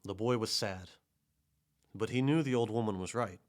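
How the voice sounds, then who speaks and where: A man narrating a children's storybook in a gentle, measured way. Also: on the low side. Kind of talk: storybook reading.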